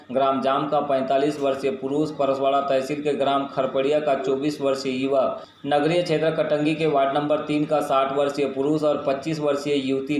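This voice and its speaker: A man reads a news bulletin in a flat, formal delivery with very little pitch movement. The recording sits in an echoey room. A faint hiss runs under his voice. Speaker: news reader.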